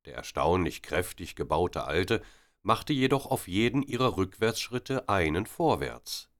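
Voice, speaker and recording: A man reading a story aloud with expressive, dramatic narration. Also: deep voice, measured pace.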